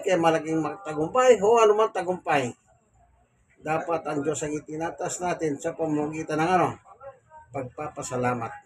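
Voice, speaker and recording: A Filipino man in his sixties, a senior citizen, vlogging at home about his chores and gently preaching about thanking God. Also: on the high side, slight background noise. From Philippines. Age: 60s. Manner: devout, gently preachy, speaks to viewers politely. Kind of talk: casual home vlog with religious reflections. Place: home, indoors, doing laundry and climbing stairs.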